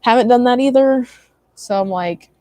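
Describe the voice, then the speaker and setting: A woman's voice: on the high side, moderate pace, dark tone, no room sound. A tired young woman chatting casually with her stream viewers, rambling with many likes and ums. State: tired, yawning. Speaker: livestream host.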